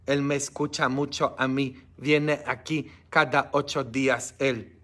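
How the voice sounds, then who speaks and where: A man preaching as a priest in a lively Bible study, swinging from shouting peaks to hushed asides, with chatty tag questions. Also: medium pitch, measured pace. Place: church.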